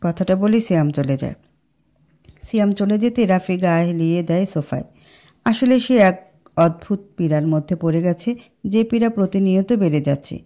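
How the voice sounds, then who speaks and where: A woman narrating a scripted love story in a steady, dramatic storytelling manner. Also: lowish voice, moderate pace.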